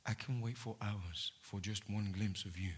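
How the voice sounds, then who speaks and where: An actor playing an ardent male poet on stage, pouring out love in hushed, intimate tones that swell to fervor. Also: lowish voice, steady tone, normal speed, natural voice. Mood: fervent. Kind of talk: staged theatre performance.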